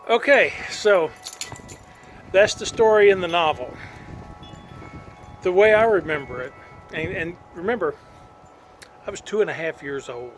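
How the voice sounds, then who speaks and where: A man's voice: sits high, unhurried, long pauses, faint music behind. A middle-aged man, reading his own novel aloud and telling its backstory in a folksy way. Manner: folksy storytelling with homespun sayings. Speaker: author.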